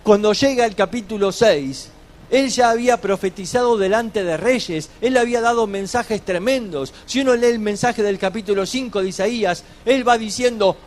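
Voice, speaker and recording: A man preaching a sermon, slowing on key phrases and dropping quiet for scripture readings. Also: high voice.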